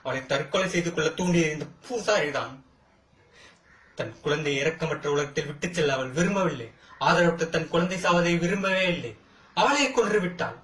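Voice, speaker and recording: Practising a theatrical Tamil film courtroom monologue, an amateur actor plays a wronged brother defending himself, using defiant, impassioned rhetoric and dramatic pauses. His voice is fairly high and bright, and the recording carries clear echo from the room.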